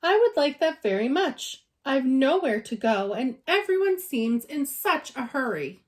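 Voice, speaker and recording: A woman's voice: sits high, sing-song, measured pace. A woman voicing a small, earnest young male bear with courteous, careful, formal manners in a storybook. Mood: polite, eager.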